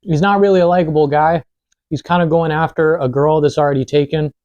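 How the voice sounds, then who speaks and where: A man's voice: on the high side, steady tone, fairly quick, a little mellow, no room sound, lo-fi sound. A man giving a casual, informal film review, speaking conversationally with some mild swearing. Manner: informal, lightly profane. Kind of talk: casual film review chat while eating.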